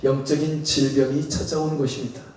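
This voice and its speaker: A man's voice: medium pitch, little pitch movement, fairly quick, darkish tone, a little hiss or hum. A male pastor with a Jeolla Korean accent preaching a sermon in a church sanctuary, talking conversationally and asking the congregation rhetorical questions. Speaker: senior pastor. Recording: very echoey church hall, distant mic.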